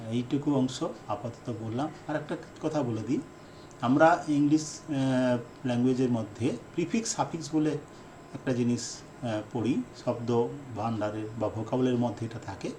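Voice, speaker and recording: A man who is an English teacher giving a lesson, repeating his key definitions and speaking in slow, deliberate phrases with fillers. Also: mid-range voice, darkish tone, a little hiss or hum. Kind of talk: explanatory lesson lecture.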